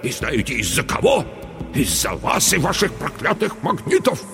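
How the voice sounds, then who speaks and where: An actor playing an irate, gravelly-voiced 83-year-old male physicist who shouts and scoffs in an audiobook. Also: fairly high pitch, wildly swooping pitch, moderate pace, full character voice. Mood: indignant. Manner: shouting, indignant, sarcastic. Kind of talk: audiobook character acting. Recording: reverberant with background music.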